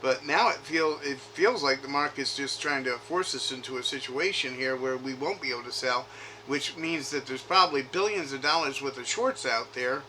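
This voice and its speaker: A man calling in as a retail investor questions insistently and keeps rewording himself in a casual way. He speaks at a moderate pace in a mid-range voice that is bright and forceful. The phone call was taken with a makeshift recording device and carries faint noise.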